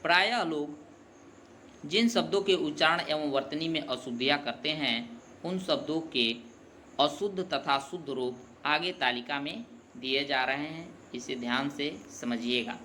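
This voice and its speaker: Slow, bright-voiced male Hindi teacher. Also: a little high, a little hiss or hum. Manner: slow, deliberate dictation of words one at a time. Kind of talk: Hindi grammar lesson.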